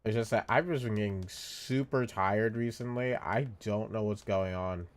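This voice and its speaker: A man's voice: fairly low pitch, moderate pace. A tired man chatting casually on a live stream, rambling and repeating himself while he draws. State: sleepy, yawning. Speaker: vtuber streamer.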